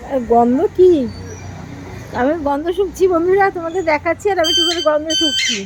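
Her voice is extremely high and expressive, and she speaks briskly over heavy background noise. She's a vlogger hosting her own page from her home garden, chatting casually and gushingly to viewers, showing things off and often saying the same thing twice.

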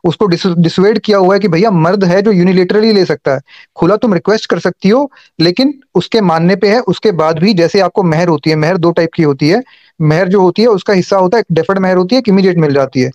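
A man's voice: high voice, a little fast, a little mellow, no echo, muffled recording. A man in a heated online debate, insistent, arguing point by point and cutting in. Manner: insistent, interrupts, argues point by point.

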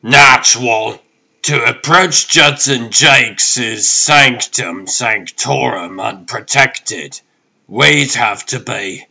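A man's voice: medium pitch, drawn-out words, vocal fry, bright, forceful tone, pitched below the performer's own voice, full character voice. A man voicing a tough, wisecracking raccoon hero in a comic dub, brash and sardonic.

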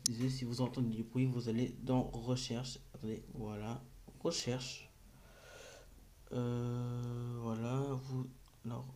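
A man's voice: mid-range voice, mellow. A man hosting a casual gaming tutorial vlog, hesitant and rambling, with many fillers and restarts, recorded on a phone. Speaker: gaming video host.

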